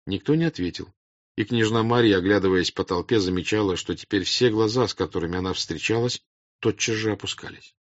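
A man with a fairly low voice narrates a classic novel in a calm, even reading. The recording is dry and dull, with no room echo. His delivery is measured and steady. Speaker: audiobook narrator. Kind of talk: scripted narration.

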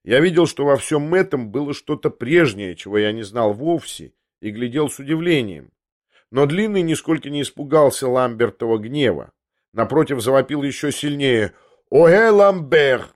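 A man narrating a literary novel in a measured storytelling voice. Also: mid-range voice, expressive, darkish tone. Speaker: audiobook narrator.

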